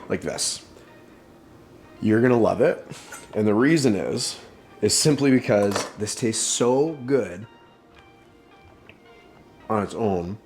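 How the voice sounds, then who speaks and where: A man casually demonstrating a recipe at home, rambling and enthusiastic with plenty of fillers. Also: on the low side. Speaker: home cook. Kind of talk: casual cooking demo.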